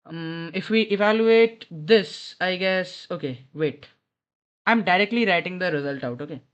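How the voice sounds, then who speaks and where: An unhurried man with a high, somewhat bright voice tutors maths informally in an airport lounge, thinking aloud and often correcting himself mid-problem. His headset mic yields a dull, lo-fi sound.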